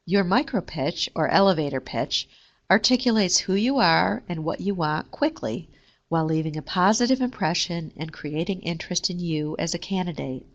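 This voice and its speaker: Woman, careers presenter, steady measured reading, slightly low voice. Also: muffled recording. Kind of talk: scripted instructional narration.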